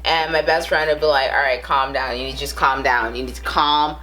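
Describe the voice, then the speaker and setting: In a low-quality recording, a woman's very deep, steady, slightly bright voice moves at a brisk clip. She's a thirties vlogger from the Bronx with a Brooklyn accent, rambling to camera with plenty of fillers and laughing at her own remarks.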